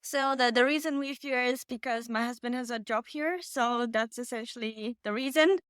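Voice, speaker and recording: A woman's voice: fairly high pitch, a bit bright, clean tone, dry recording, clean studio sound. A woman in her thirties from Poland, a native Polish speaker, answering interview questions with frequent restarts. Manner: halting, many restarts. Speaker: author guest. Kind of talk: casual interview.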